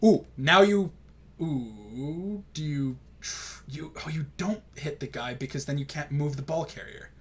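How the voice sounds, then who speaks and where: A man giving casual live commentary on a tournament game, reacting aloud with groans and excited exclamations. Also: fairly high pitch, unhurried.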